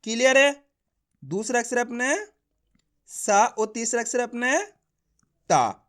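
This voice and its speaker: A man teaching an online reading lesson, spelling words out slowly syllable by syllable and often checking that the learner follows. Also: very high voice, steady tone, fairly bright tone, smooth.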